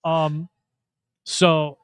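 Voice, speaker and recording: On the high side and monotone, this man draws out his words in a clear, resonant voice with no room sound. He is a columnist co-hosting a live basketball draft reaction in an arena media room, storytelling, joking around, and sharing his opinions.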